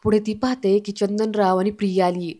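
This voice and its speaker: A woman narrating an episode recap of a TV family drama in plain, steady storytelling. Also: mid-range voice, a little fast. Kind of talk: retelling a TV serial episode.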